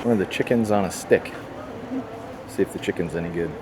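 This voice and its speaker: A man's voice: deep voice, fairly quick. A man hosting a vlog, chatting casually as he tastes food and walks through a busy farmers market. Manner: chatty, relaxed, tasting and commenting on food. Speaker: vlog host. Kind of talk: casual walking tour chat. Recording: noisy market ambience.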